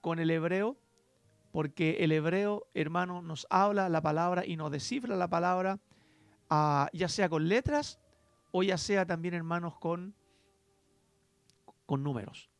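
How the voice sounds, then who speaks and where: A man's voice: sits high, unhurried, gravelly, long pauses, no echo, faint music behind. A man pastor giving a rambling, self-deprecating Bible teaching, often calling out to his listeners as brothers. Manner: rambling, self-deprecating, with frequent "hermanos" asides. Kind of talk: radio-style Bible teaching.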